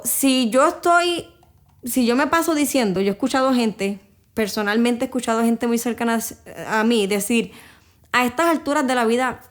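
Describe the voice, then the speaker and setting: A woman with a fairly high voice gives a motivational self-help talk on her podcast. She speaks directly to the listener, walking through everyday examples.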